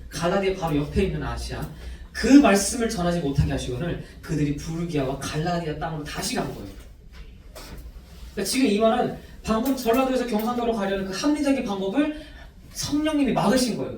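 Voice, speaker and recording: Speaking quickly in a high voice, a young man who serves as a youth pastor delivers an animated sermon to teens and keeps testing them with questions. The setting is a church worship room; the sound is echoey and distant, with slight background noise.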